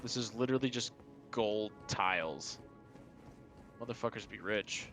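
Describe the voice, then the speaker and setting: A man chatting excitedly and casually while playing a co-op game. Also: on the low side, unhurried, soft background music. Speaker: streamer playing co-op. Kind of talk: casual gaming chat.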